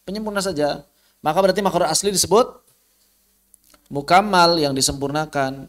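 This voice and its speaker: A man's voice: on the high side, normal speed, a bit bright. A man with an Indonesian accent teaching tajwid online, patiently demonstrating how letter sounds are pronounced.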